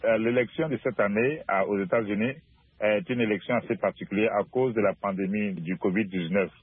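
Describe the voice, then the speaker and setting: A man's voice: fairly low pitch, steady tone, brisk, husky, no echo. A man from Ivory Coast giving spontaneous interview commentary, hesitant as he explains, over the phone. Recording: muffled, narrow phone line.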